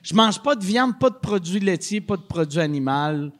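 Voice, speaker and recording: A Quebec French man in his forties hosts a relaxed podcast conversation. His voice sits high and swings widely in pitch. He talks in a joking, crude, self-mocking way. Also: normal speed. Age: 40s. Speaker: podcast host. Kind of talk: casual podcast chat.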